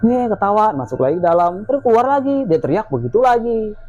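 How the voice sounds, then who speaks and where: Mellow-voiced man telling a ghost story. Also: high voice, fairly quick. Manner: lively retelling, acts out quoted voices. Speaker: guest storyteller. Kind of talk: casual spoken ghost story. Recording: dull lo-fi with faint noise.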